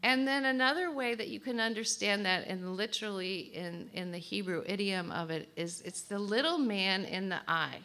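A woman teaching a sermon at a conference, checking in with her listeners and reading song words softly. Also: medium pitch. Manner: slow, warm teaching with audience prompts; reads song lyrics softly. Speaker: speaker at a women's conference.

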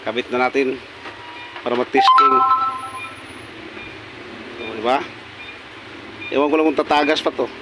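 A man's voice: medium pitch, a little slow, long pauses, heavy background noise. A repair technician talking casually through fixing a pressure washer pump at his workbench, pointing out parts in short remarks. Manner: talks while working, many short pointing remarks. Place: workshop bench.

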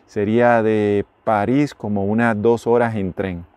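Speaking in a fairly low, flat, slightly slow voice with a smooth, darkish tone, this Puerto Rican vlogger is middle-aged and has a Puerto Rican accent. He talks casually to a phone held at arm's length in the cramped space of a motorhome, wandering off track and correcting himself along the way.

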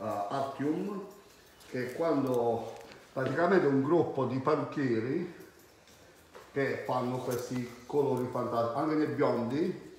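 A man in his forties explains his salon work in a casual, halting way. He talks slowly at an average pitch. The room is very echoey, with faint noise behind him. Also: darkish tone. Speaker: hairdresser. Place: indoor hair salon. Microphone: phone held a short distance away.

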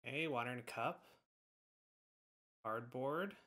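A man filming a casual home vlog, excitable and bursting into loud disbelief. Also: medium pitch, slow pace. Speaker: video creator.

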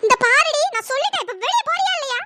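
A performer voicing a sharp-tongued, furious middle-aged mother in a cartoon, scolding and shouting. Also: extremely high pitch, expressive, very fast, a little hiss or hum, full character voice. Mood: angry scolding. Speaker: angry aunt. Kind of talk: pitched-up cartoon voice acting.

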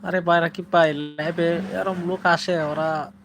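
A man's voice: fairly high pitch, little pitch movement, a little slow, vocal fry, a bit bright, a little hiss or hum. A man chatting casually on a live stream, answering viewers' comments and playfully slipping into dialect phrases.

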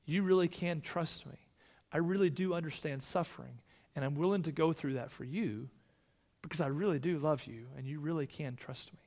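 A man voicing God as a loving male figure, speaking in a gentle, earnest, reassuring tone. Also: a little high, normal speed. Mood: tender.

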